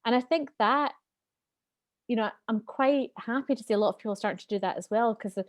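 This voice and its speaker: Woman wellbeing guest, higher voice, earnest and candid, dry close sound. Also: fairly quick, no echo. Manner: earnest, open, animated. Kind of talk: candid interview talk.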